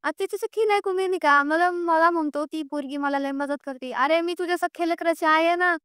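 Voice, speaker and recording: In an emotional private phone call that was recorded, a young woman pleads and insists over a personal grievance, sounding aggrieved and repeating herself. Her very high voice is fairly bright and fairly quick, on a dry, studio-quality recording.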